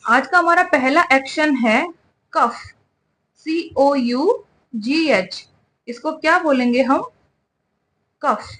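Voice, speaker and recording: A woman's voice: high-pitched, slow, long pauses, pushed and bright, a little hiss or hum. A woman teaching English vocabulary, spelling words out letter by letter and checking in with "ठीक है" over and over. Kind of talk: spoken English lesson.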